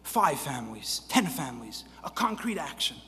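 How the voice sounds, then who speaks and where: High, bright-voiced rabbi in a hall. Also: male voice, big pitch swings, normal speed. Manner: builds from quiet storytelling to ringing exhortation. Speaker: keynote speaker, rabbi. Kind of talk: impassioned sermon-style keynote. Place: large conference hall. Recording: hall reverb, faint ambience.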